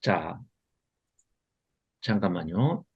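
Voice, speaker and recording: A man teaching an online Bible class over a video call, lively and expressive, often chuckling and putting questions to his class. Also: deep voice, extremely slow, creaky, breathy edge, lo-fi sound.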